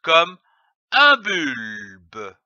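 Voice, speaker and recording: For young children learning to read, a man goes very slowly and deliberately, sounding out each letter and syllable in a bright, fairly high voice with lively rises and falls. The recording is dry and slightly dull.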